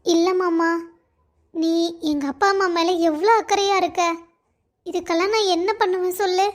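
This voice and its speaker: A woman's voice: very high voice, steady tone, moderate pace. A woman voicing a tender young cartoon wife. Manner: soft, affectionate. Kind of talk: Tamil cartoon voice acting.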